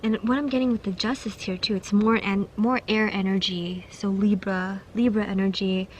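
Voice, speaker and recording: A woman's voice: medium pitch, steady tone, normal speed, slight background noise. Chatty young woman reading tarot cards. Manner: chatty, giggly, full of fillers and restarts. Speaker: tarot reader. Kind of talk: casual pick-a-card tarot reading.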